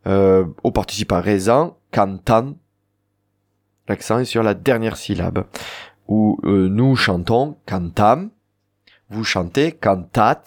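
A man's voice: lowish voice, unhurried, creaky, a little mellow. A man with a southern French accent, teaching an Occitan lesson and explaining pronunciation rules with spoken examples. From southern France. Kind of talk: radio language lesson.

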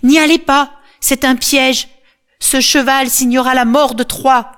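A woman voicing a desperate young Trojan prophetess who cries out high and pleading. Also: lively intonation, normal speed, close to an everyday voice. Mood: frantic.

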